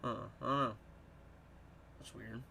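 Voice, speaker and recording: Excitable young man streaming a game. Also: mid-range voice, measured pace, gravelly, slight background noise. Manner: excitable, joking, talks to chat. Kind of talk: casual gameplay commentary to chat.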